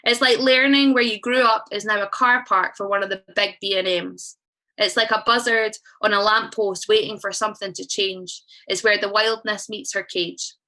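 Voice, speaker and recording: A woman's voice: medium pitch, steady tone, moderate pace, pushed and bright, low-quality recording. A young Scottish woman performing spoken word poetry live, chatty and sweary as she tells stories between poems. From Scotland. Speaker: poet. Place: live stage event.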